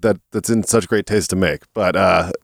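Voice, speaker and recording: A man's voice: sits low, steady tone, normal speed, vocal fry, no room sound, studio quality. A man co-hosting a podcast in casual comedic banter, rambling along in a self-mocking way. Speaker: podcast co-host.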